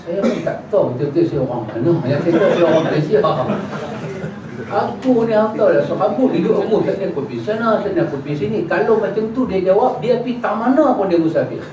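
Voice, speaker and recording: A man giving a religious lesson in a prayer hall and answering questions, acting out little dialogues in a casual, lively way. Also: high voice, fast talker, crowd noise. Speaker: religious teacher. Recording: echoey hall, distant mic, dull, noisy.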